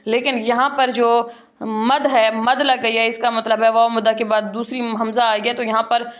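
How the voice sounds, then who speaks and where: Woman teaching quran reading online, kinda high voice, explains slow then spells out letters n stretches the sounds. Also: level tone. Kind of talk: online recitation lesson.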